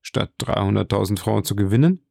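A man's voice: fairly low pitch, fairly quick, creaky, a little mellow, dry recording, clean studio sound. A man voicing a matter-of-fact minister's secretary in an audiobook, explaining figures plainly. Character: evasive male minister's secretary.

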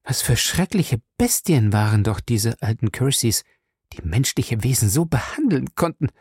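A man's voice: medium pitch, lively intonation, moderate pace, darkish tone, slightly rough, no echo, studio quality. A male audiobook narrator reading the lines of an appalled young woman. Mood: horrified. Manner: appalled, exclaiming. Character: horrified young woman visitor.

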